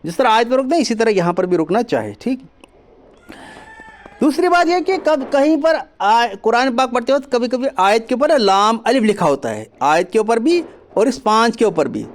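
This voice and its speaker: A man teaching Quran reading in an online lesson, explaining patiently and drawing out letter names slowly. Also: very high-pitched, sing-song. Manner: mixes English words into his explanations.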